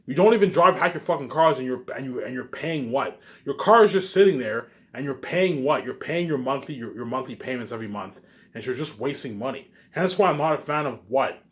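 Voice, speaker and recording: A man with a mid-range voice and lively intonation speaks briskly in an off-the-cuff, rambling monologue. He keeps circling back to the same phrases, tossing in casual swearing and tag questions.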